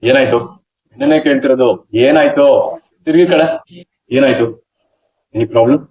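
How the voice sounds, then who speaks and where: A young actor playing a blunt, teasing husband who pries and mocks in a TV serial. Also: male voice, mid-range voice, steady tone, moderate pace, a little mellow, natural voice. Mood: concerned. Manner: blunt, teasing, mock-serious. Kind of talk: TV serial acting. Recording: dull lo-fi TV audio.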